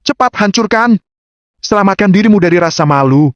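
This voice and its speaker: A man's voice: sits high, expressive, fairly quick, no room sound, pitched above the performer's own voice. A man voicing a sneering, arrogant young man who mocks and taunts in an audiobook. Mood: taunting. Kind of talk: audiobook character voice. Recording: dull, dry lo-fi recording.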